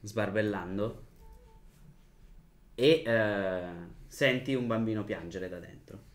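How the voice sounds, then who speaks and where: A man narrating a tabletop role-playing game as game master, describing scenes in a measured, storytelling way. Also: lowish voice.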